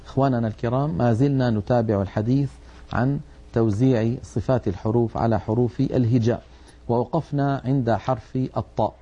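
A man teaching a Quranic recitation lesson, precise and methodical, slowly demonstrating how letter sounds are made. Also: mid-range voice, mellow, dull audio.

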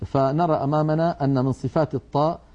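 A man teaching a Quranic recitation lesson, precise and methodical, slowly demonstrating how letter sounds are made. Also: a little high, fairly even intonation, dark tone, muffled recording.

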